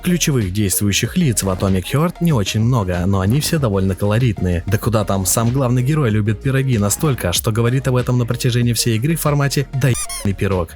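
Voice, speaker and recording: A man's voice: mid-range voice, animated, fast, few pauses, darkish tone. A man narrating a scripted, opinionated video essay as a game reviewer. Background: faint music.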